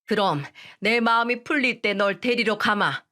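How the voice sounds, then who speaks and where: A woman's voice: mid-range voice, moderate pace, sharp tone, lightly acted. Strict older mom-in-law laying down the law, stern and cold, woman doing it. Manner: stern, scolding. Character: stern middle-aged mother-in-law, severe and commanding.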